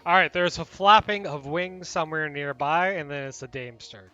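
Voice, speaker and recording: A man with a higher, bright, lively-toned voice runs a tabletop game as game master. He narrates loosely, pausing on fillers as he sets each scene, and the audio comes through slightly dull and muffled. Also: soft background music.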